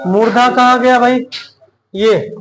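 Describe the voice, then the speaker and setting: Slow, high-voiced male grammar teacher. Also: steady tone, a bit bright, poor audio. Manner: repeats phrases, asks and answers his own questions. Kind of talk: slow classroom explanation with questions to students.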